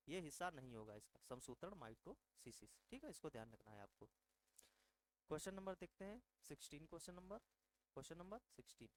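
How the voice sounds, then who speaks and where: Fairly high-voiced teacher drilling exam answers. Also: male voice, a little hiss or hum, rough recording. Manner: repetitive, quizzing the viewers and answering himself; drills facts with reminders to memorise them. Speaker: exam-prep science teacher. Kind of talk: online exam-prep lesson.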